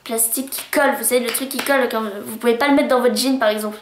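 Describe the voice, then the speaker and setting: A woman's voice: fairly high pitch, steady tone, quick pace, a little hiss or hum. A woman vlogging her monthly favourites in a chatty, bubbly way, gushing over things with cutesy words. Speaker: beauty vlogger. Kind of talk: casual monthly favourites vlog. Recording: roomy echo.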